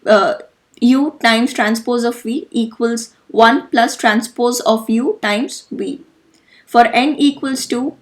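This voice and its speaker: A woman lecturing through matrix notation step by step, methodical and now and then correcting herself. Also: on the high side. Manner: methodical, self-correcting explanation. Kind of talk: slide-based math lesson.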